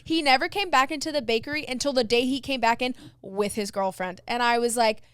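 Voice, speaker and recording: Woman, twenties, high voice, smooth, dry close sound, animated casual chat. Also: fairly quick, dry recording. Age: 20s. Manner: animated, laughing, acts out her own panicked thoughts. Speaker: podcast co-host.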